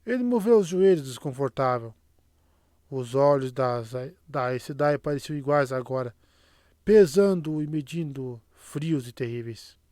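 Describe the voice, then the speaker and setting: A man narrating a fantasy audiobook in a steady, even storytelling manner. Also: mid-range voice, a little slow, no room sound, clean studio sound. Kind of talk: scripted narration.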